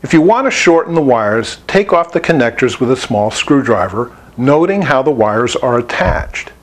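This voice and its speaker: A man with a medium-pitched voice narrates a scripted installation tutorial as an instructor, giving plain, step-by-step directions. His intonation rises and falls in a lively way, at normal speed.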